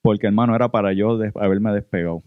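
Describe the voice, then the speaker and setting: Male preacher, Puerto Rican accent, earnest testimony delivery, low register, dry muffled recording. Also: fairly even intonation, fast, no echo. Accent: Puerto Rican Spanish. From Puerto Rico. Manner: earnest, addresses listeners as brothers. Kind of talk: sermon testimony.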